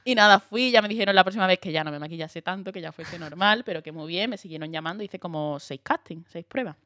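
A young woman with an Andalusian accent, a guest actress chatting casually and telling lively stories, acting out quoted dialogue and laughing often. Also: lowish voice, fast talker, dry recording, clean studio sound. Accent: Andalusian Spanish. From Andalusia, Spain. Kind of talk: casual chat.

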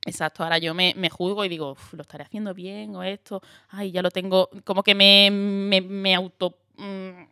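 A young woman from Andalusia, chatting as a guest and telling lively stories with laughs. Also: mid-range voice, moderate pace, hardly any pauses, no room sound, studio quality. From Andalusia, Spain. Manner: lively storyteller, laughs often, acts out quotes. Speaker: guest actress. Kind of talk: casual chat.

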